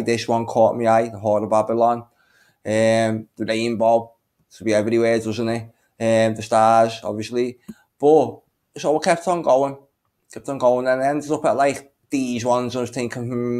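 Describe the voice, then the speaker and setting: While sharing his screen, a video maker narrates in a casual, rambling way, thinking aloud and muttering little filler tunes. His voice is mid-range with a darkish tone.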